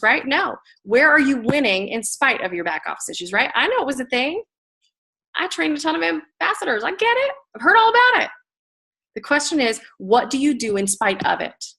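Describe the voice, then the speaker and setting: A middle-aged woman coaching a group on a call, giving an energetic tough-love motivational talk. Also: medium pitch. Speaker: business coach.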